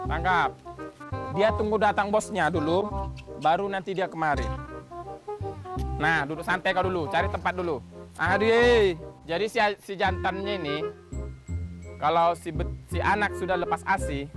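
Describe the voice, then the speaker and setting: Male forest park guide with a high voice, chatty and casual, recorded outdoors. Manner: explains casually, then shouts loud calls to the apes. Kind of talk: outdoor explaining and animal calling.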